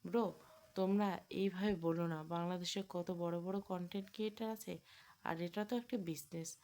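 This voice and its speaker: A woman's voice: fairly low pitch, fairly even intonation, normal speed, dark tone, clean tone, close to an everyday voice. Woman reading as a cheeky, restless young man. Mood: boastful. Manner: teasing, then flustered. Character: playful, joking young man.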